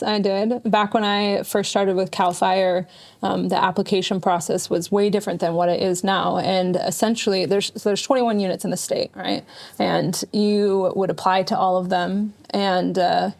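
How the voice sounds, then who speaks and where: A woman's voice: medium pitch, vocal fry, a little mellow. A woman firefighter on a panel, answering in an easygoing casual chat. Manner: easygoing, laughs often.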